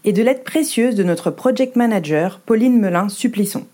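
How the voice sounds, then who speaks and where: A woman reading the cast and credits of a podcast in a friendly, even way. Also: mid-range voice, normal speed. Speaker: podcast announcer. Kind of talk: scripted credits narration.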